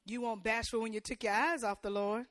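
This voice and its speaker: A woman preacher delivering a sermon in church. She uses call-and-response and playful asides to the congregation, and her preaching builds to loud, emphatic peaks. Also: fairly high pitch, fairly even intonation, fast, dry recording.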